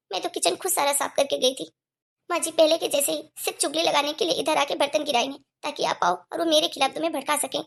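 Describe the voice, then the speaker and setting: A woman's voice: sits high, creaky. A woman voicing a young wife and mother of two in a cartoon, talking earnestly and pleadingly.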